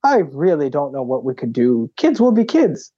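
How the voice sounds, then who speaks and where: A man's voice: a little high, very animated, normal speed, warm tone, husky. A young man voicing a worried male school principal who pleads in a raised, flustered voice. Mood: pleading. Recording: slightly dull lo-fi audio.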